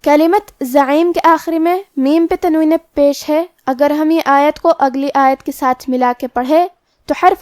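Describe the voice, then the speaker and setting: High-voiced woman teaching Quran recitation. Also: darkish tone, dry recording, clean studio sound. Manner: measured, explains each letter and rule step by step. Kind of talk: tajweed lesson.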